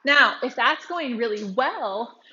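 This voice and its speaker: Breathy, bubbly woman teaching Pilates. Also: on the high side, animated, slow, pushed and bright, highs cut off, slight background noise. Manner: bubbly, chatty, demonstrating while moving. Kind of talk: demonstrating a workout tutorial.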